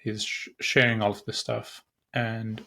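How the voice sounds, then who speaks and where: A man's voice: lowish voice, little pitch movement, measured pace, creaky, pushed and bright. A young man from Nepal hosting a solo podcast, talking casually and rambling with many fillers and restarts. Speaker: podcast host.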